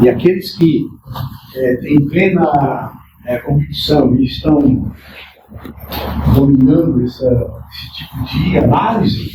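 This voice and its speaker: A man teaching a Greek class, patient and reassuring, with many fillers and tag questions. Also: fairly high pitch. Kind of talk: classroom lecture. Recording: echoey classroom recorded from far off, loud noise.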